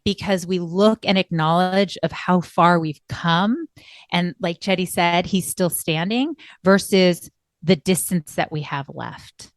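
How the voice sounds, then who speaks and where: A woman's voice: fairly low pitch, a little slow, no echo, studio quality. Earnest woman podcast co-host. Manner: earnest, reflective, often checks in with "right?". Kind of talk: casual motivational chat. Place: recording remotely, apart from her co-host.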